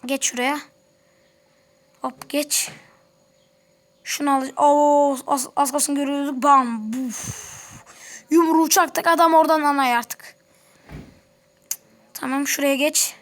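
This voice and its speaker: Woman gamer narrating a let's-play, high voice, chatty and easily annoyed, chats with the characters. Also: fairly even intonation, slow, long pauses. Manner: chatty, grumbles and talks to game characters. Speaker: gameplay commentator. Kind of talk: casual let's-play commentary.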